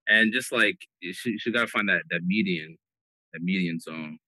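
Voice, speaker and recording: A man's voice: deep voice, normal speed, pushed and bright, no echo, rough recording. A young man in a casual podcast chat who rambles and restarts, often mimicking his mother. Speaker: podcast co-host.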